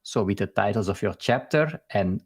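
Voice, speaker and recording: A man's voice: fairly low pitch, animated, husky. Belgian man hosting a live stream. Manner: halting, with many fillers and restarts. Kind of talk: casual live stream interview.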